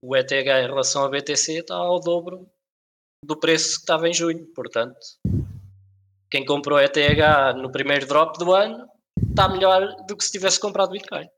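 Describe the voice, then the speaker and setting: Male podcast co-host, European Portuguese accent. Slightly high, sharp-edged voice, casual and explanatory. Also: normal speed.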